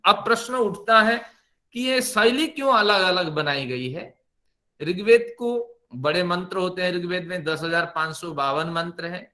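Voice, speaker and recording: Bright-voiced man teaching Vedic recitation. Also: fairly high pitch. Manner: explains step by step and demonstrates long vowels and chanting. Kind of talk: spoken Sanskrit pronunciation lesson.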